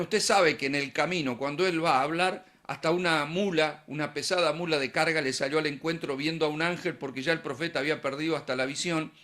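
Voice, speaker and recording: A middle-aged preacher with an Argentine Spanish accent and a fairly high voice. He talks to his congregation in a conversational tone, posing questions and then answering them himself. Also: a bit bright. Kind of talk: sermon.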